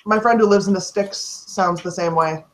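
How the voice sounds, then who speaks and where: A woman's voice: medium pitch, moderate pace, low-quality recording. A woman author chatting casually on a video call, rambling and correcting herself as she talks frankly. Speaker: author guest.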